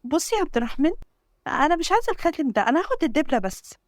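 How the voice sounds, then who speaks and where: A woman's voice: high voice, very animated, rapid-fire, no room sound, clean studio sound, voice pushed up. A woman voicing a loving, stubborn young bride, speaking with an Egyptian Arabic accent. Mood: firm. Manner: affectionate, firm.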